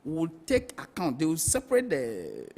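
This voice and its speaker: A man's voice: on the high side, huge pitch swings, moderate pace, vocal fry, a little mellow. A male guest expert, patiently explaining customs procedures. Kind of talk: explanatory studio talk.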